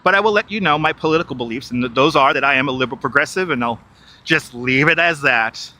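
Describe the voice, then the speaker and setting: He speaks fast at a medium pitch, bright and forceful, a middle-aged New Yorker live streaming from an outdoor walk beside a river. With a wireless clip-on mic on, he chats with viewers, reads their comments out, answers them, and tends to repeat himself.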